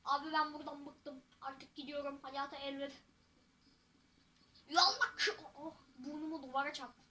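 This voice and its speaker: A teenage girl giving casual, excitable gameplay commentary as a YouTuber, with loud outbursts and jokes. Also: high-pitched, brisk, slight background noise. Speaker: gaming YouTuber.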